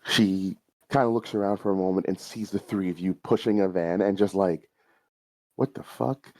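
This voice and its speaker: Brief: low, mellow-voiced male game master, casual rambling narration, dry close mic. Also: little pitch movement, brisk, no room sound, low-quality recording. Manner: loose, chatty description with fillers. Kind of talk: narrating a tabletop role-playing game.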